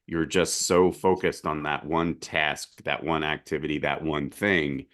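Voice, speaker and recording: A podcast co-host talks in a very low, deep morning voice. He reflects on his points in a steady, measured way. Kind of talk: casual discussion.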